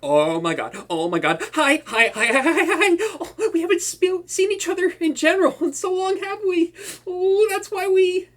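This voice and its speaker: A voice actor does a hobby audio roleplay for a listener, playing a young supervillain who is boastful, flustered, stammering and prone to mood swings. The man's voice is very high, animated and fairly bright, at a moderate pace.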